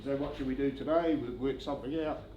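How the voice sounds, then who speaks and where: A man's voice: medium pitch, fast, lo-fi sound. Man telling funny stories at a eulogy. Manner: relaxed storytelling, joking. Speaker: brother-in-law giving a eulogy. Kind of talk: funeral eulogy with anecdotes. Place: function venue. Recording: echoey venue with background noise.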